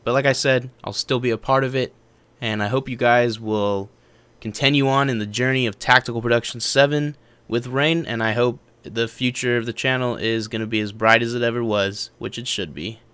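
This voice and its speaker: A man's voice: mid-range voice, fairly even intonation, moderate pace, a bit bright, smooth, no echo. A young man, the channel's host, giving a casual, earnest update and often repeating himself.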